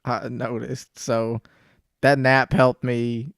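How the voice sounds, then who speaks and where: Calm young man, smooth dry voice. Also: medium pitch, slow pace, no room sound. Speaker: co-host. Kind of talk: casual chat.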